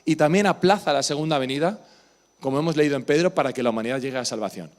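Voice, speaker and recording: A male pastor with a Spain Spanish accent delivers a sermon in a church. His voice sits a little high, and he keeps it conversational, turning to the congregation with questions. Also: fast. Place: church service.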